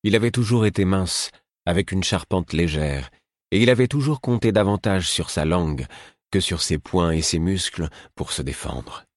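A man reading a first-person story as an audiobook narrator, in a measured, grave manner. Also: sits low, lively intonation, no echo, clean studio sound.

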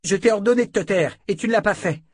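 Man playing a furious young thug, yelling, raised pitch, husky. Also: fast, no echo, clean studio sound. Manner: angry, shouting, accusing. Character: young hot-headed male thug.

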